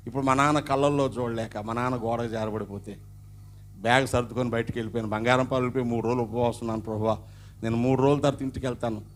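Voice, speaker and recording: A middle-aged man, preaching a sermon as a pastor and telling his own story. He swings from loud passages to hushed ones. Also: medium pitch, steady tone, rapid-fire, a little hiss or hum. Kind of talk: sermon with personal testimony.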